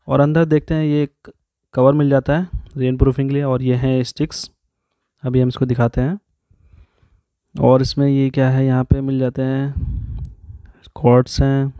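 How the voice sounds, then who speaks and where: An Indian camping vlogger in his thirties chats casually as he demonstrates each step of pitching a tent on an open hillside meadow. His voice is mellow and studio quality with no room sound, and he keeps saying "so doston."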